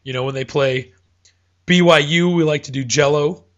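Man, host, casual sports chat, rambling, self-correcting, hiccups, slightly high voice, dull lo-fi sound. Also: moderate pace, a bit bright. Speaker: podcast host.

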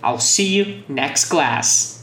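A woman teaching English to Portuguese speakers, slowing down her model phrases for the listener to repeat. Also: sits low, lively intonation. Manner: slow, drawn-out model phrases for repetition. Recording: echoey room with faint music.

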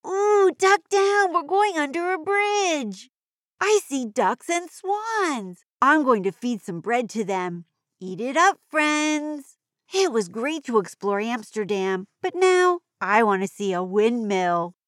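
An excitable young girl played by a woman tells a children's story in broad, singsong kids' theatre style. The voice is pitched up high and exclamatory, recorded dry with no room sound. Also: takes it slowly, dry recording, full character voice. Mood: excited. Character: Jazzy, excitable young girl tourist who loves cats. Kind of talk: children's educational audio story.

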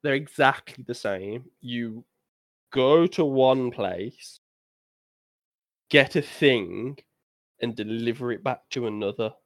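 Deadpan man with contrarian quips. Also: mid-range voice, slow pace, pauses often, no room sound, clean studio sound. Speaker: podcast co-host. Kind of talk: casual banter.

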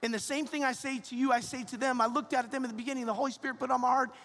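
Male American priest, high-pitched, casual halting homily style, long reverberant church sound. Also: steady tone, a bit bright. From Georgia, United States. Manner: informal, halting phrasing with repetitions and rhetorical asides. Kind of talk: conversational homily.

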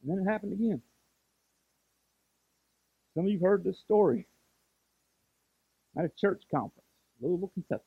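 High-voiced preacher man. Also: lively intonation, normal speed, creaky, long pauses, husky, no echo, narrow, tinny audio. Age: 40s. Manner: storytelling, repeats words, builds to impassioned. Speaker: pastor. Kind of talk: sermon.

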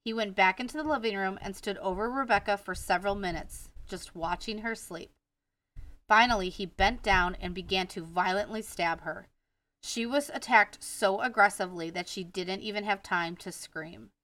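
On a casual true-crime podcast, a co-host with a Wisconsin accent reads the case from her notes, sometimes stumbling over names and laughing at her own slips. Her medium-pitched voice is fairly bright and moves at a moderate pace. There's no echo, and she sits far from the mic.

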